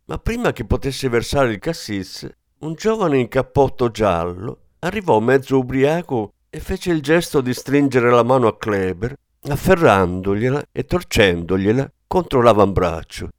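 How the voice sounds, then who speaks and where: Male audiobook narrator, steady storytelling read, mid pitch, dry close mic. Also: normal speed, no echo. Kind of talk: scripted narration.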